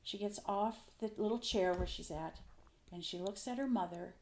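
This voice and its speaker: An older woman sits as a guest in a casual interview and tells a personal story. She speaks earnestly from the heart, with a voice of ordinary pitch, in short phrases, and she retells what people said. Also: moderate pace. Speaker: podcast guest.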